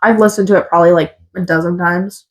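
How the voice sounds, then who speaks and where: A woman's voice: fairly low pitch, fairly even intonation, fast talker. A woman co-hosting a podcast, chatting casually and enthusiastically with lots of fillers. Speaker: podcast co-host. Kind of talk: casual chat.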